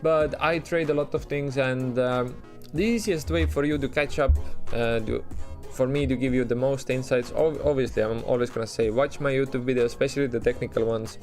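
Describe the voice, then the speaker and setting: Brisk and hardly pausing, a man with an Estonian accent and a mid-range, slightly mellow voice gives casual live-stream commentary. He chats loosely and answers his chat, restarting often and using many fillers, while faint music plays behind.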